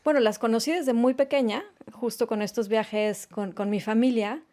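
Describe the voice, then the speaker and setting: Sitting in a radio studio for an interview, a Mexican-accented fashion designer in her late 40s warmly recounts stories in a conversational way, often using tag questions. Her voice is on the high side, her intonation fairly even, her pace moderate.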